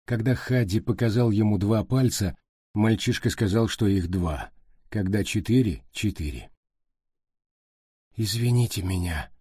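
A male audiobook narrator with a dark, husky, fairly low voice delivers scripted narration at a moderate pace. The recording is dry and of studio quality.

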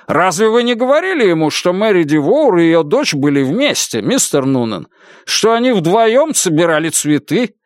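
A man voicing a pushy male lawyer who presses with sharp, needling questions. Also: sits high, big pitch swings, normal speed, dry recording, clean studio sound, pitched above the performer's own voice.

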